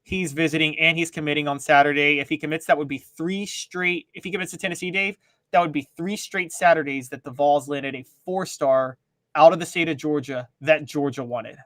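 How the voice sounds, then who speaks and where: A man co-hosting a sports talk show, talking casually with emphatic, animated delivery. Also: a little high, a little fast, no room sound.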